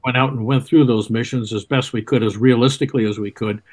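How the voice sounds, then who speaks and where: An American man in his seventies recalls his flying days as an interview guest. He talks in a halting, plain-spoken way at a middling pitch, from a room at home over a video call. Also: steady tone. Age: 70s. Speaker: interview guest, retired Navy test pilot. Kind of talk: reminiscing in conversation. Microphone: video call, computer microphone.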